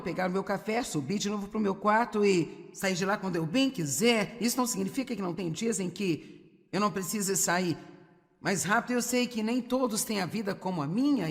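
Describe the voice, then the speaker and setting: A woman, delivering a dubbed sermon with earnest exhortations to her listeners. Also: medium pitch. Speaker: preacher. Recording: long hall reverb, faint crowd.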